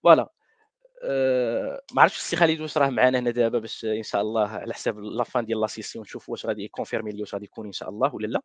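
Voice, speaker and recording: Brief: Moroccan man presenting a tech workshop, rapid and animated, French words mixed in, dry close sound. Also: on the low side, no room sound. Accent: Moroccan Darija. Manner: mixes French words, many restarts and fillers. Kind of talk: live coding walkthrough.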